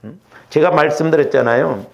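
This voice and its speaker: A middle-aged pastor preaches in a conversational style, often checking in with the congregation through rhetorical prompts. His voice is on the high side, a little fast and gravelly, and the recording sounds muffled.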